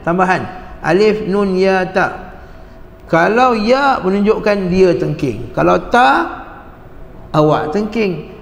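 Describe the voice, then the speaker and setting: A man with a high, gravelly voice teaches a religious class at an unhurried pace, stopping often to quiz his listeners and repeat key words. His voice rings through a reverberant hall with faint noise underneath. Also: expressive. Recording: echoey hall with long reverb.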